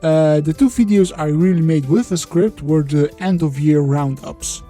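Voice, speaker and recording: A man talking through a voice changer that disguises his voice, narrating a game-development video in a blunt, sweary way that gets loose and halting when he goes off script. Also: fairly high pitch, dark tone, soft background music. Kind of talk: devlog voiceover.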